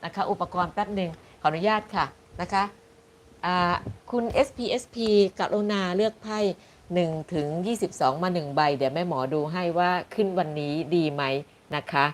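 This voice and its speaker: A woman's voice: on the low side, normal speed. A middle-aged woman hosting a fortune-telling livestream, chatting politely and reading viewer comments aloud. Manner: polite, chatty, reads comments aloud and stumbles over words. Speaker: fortune teller livestream host.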